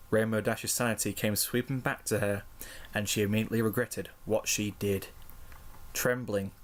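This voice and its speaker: A man reading a fan-written story aloud in slow, measured narration. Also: lowish voice, a little hiss or hum. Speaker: fanfiction reader.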